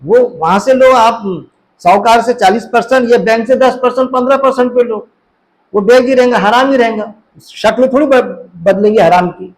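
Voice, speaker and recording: A middle-aged Islamic preacher with an extremely high-pitched voice speaks at a moderate pace in an informal religious talk. He keeps things conversational, fills it with rhetorical questions, and imitates voices when telling anecdotes. The audio quality is poor.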